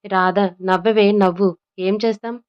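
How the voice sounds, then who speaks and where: ఒక మహిళ ఆటపట్టించే, చిరుకోపం చూపే యువతి పాత్రను చేస్తోంది. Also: female voice, mid-range voice, steady tone, normal speed, smooth, highs cut off, lightly acted. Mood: teasing. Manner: teasing, mock-angry. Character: playful bossy young woman, quick to scold.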